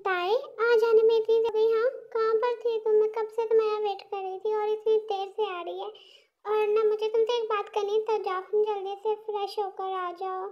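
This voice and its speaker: A woman's voice: extremely high pitch, little pitch movement, moderate pace, dull audio. A woman voicing a middle-aged mother who coaxes and bosses her daughter toward marriage. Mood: bossy. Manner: sweet-talking with threats.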